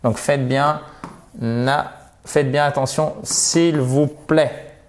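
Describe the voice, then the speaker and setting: A man teaching English vocabulary as a lesson to camera, repeating words slowly and chatting between pronunciation drills. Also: on the high side, steady tone, slight background noise. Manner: slow, drawn-out pronunciation drills, chatty asides.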